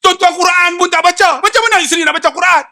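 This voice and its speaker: Middle-aged malaysian malay ustaz, high voice, acts out stories, swings low to loud peaks. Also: male voice, rapid-fire. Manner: acts out quoted dialogue in storytelling. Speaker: religious preacher. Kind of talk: lively sermon.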